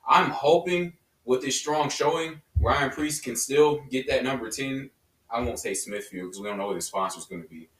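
A man co-hosting a casual motorsport podcast, giving relaxed, matter-of-fact opinions. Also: medium pitch, normal speed. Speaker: podcast co-host. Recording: roomy, distant mic.

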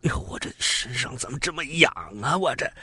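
A man's voice: huge pitch swings, unhurried, pushed and bright, slightly rough, dry recording, clean studio sound, exaggerated voice. A man voicing a whiny male duck thief who yelps and pleads. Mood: itchy wailing. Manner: high yelping wails and wheedling.

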